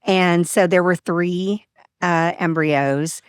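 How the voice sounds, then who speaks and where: A woman's voice: on the low side, takes it slowly, clear, resonant tone, no room sound, studio quality. A woman guest on a podcast telling a personal story in a casual, open way, acting out what people said. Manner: open, animated, acts out quoted dialogue.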